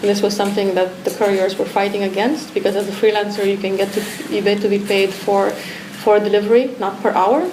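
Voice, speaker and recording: Brisk and barely pausing, a Romanian female artist with a mid-range voice and fairly even intonation reflects as a guest in a talk discussion. Her speech is full of restarts and fillers. The recording, made in an art academy pavilion, is echoey and carries background noise.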